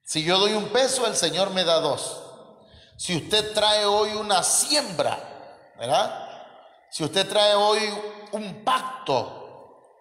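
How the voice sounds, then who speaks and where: Male preacher, Mexican accent, high voice, long church reverb, sermon with rhetorical questions. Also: animated, slow, pauses often, bright, forceful tone. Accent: Mexican Spanish. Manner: addresses listeners as brothers, many rhetorical questions.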